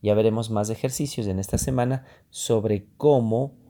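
A man giving a public speaking lesson, unhurried, repeating phrases and pausing with fillers. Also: on the low side, warm tone. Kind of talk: instructional talk.

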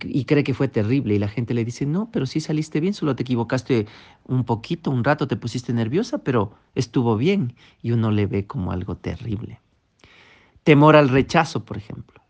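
A man's voice: on the low side, a little mellow. A man teaching public speaking, earnest and direct, often checking in with the listener. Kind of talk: instructional talk. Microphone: microphone.

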